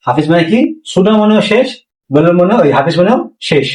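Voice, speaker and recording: A Bengali-speaking man teaching a language lesson, slowly repeating words to drill their pronunciation. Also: high-pitched, animated, a little mellow, echoey room, recorded from a distance, low-quality recording.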